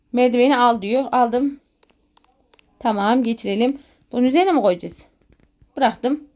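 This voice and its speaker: A woman giving excited gameplay commentary, talking to herself, laughing often and shrieking when something scares her. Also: a little high. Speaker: gaming video host.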